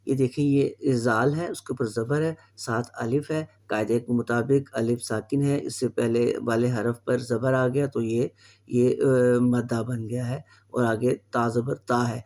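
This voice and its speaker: A man walks learners through a reading lesson, patient and explanatory. He draws out each sound slowly in drills. His voice sits at an ordinary middle pitch for a man. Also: steady tone, a little mellow. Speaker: Quran reading teacher.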